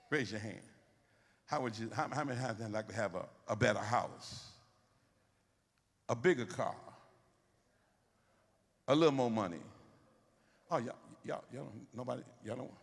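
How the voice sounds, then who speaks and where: Raspy male preacher, pitch swings all over, egging the crowd on, big echoey church. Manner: animated, repetitive call-and-response with congregation. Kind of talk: sermon.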